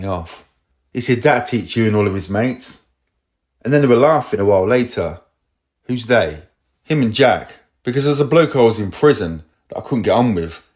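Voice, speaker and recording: A man with an Essex accent giving a long rambling account in a police interview, swearing often and acting out what others said. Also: on the low side. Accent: Essex English.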